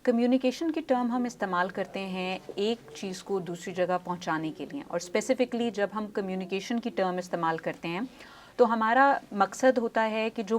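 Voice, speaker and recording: Studio interview में एक महिला स्पीच पैथोलॉजिस्ट, जो उदाहरण देकर धीरे-धीरे समझाती है और बीच-बीच में अंग्रेज़ी वाक्यांश बोलती है।. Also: female voice, medium pitch, a little hiss or hum. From Pakistan. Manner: explanatory, uses examples, mixes English phrases. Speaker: speech pathologist guest. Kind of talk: studio interview, explaining. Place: news studio.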